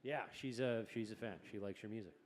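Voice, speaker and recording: A man hosting a casual livestream interview, joking with the guest and giving shout-outs to the chat. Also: lowish voice, fast. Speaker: podcast host.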